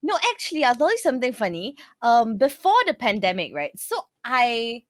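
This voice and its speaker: Female podcast co-host, Singaporean, relaxed Singlish chat, slightly high pitch, dry studio-close sound. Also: moderate pace, dry recording. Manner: colloquial Singlish with sentence particles. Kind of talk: casual chat.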